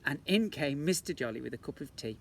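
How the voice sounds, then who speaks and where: With an animated, slightly fast delivery, a man's medium-pitched voice sounds gravelly and a bit bright. He is a teacher sharing a storybook with young children in a garden, tossing in playful questions and asides. There's faint background noise from outdoors.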